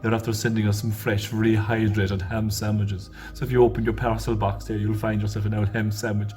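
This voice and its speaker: A man's voice: fairly low pitch, little pitch movement, a little fast, a little mellow. A man performing a comic sketch as a teacher, in a jolly, matter-of-fact lecturing way. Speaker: comedy performer.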